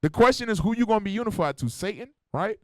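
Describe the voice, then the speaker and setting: A man preaching in a high voice with a blunt, slangy, profane delivery. He keeps challenging the room with rhetorical questions. The sound is dry and close. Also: lively intonation, fast talker, darkish tone, dry recording. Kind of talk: street-style sermon. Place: church meeting hall.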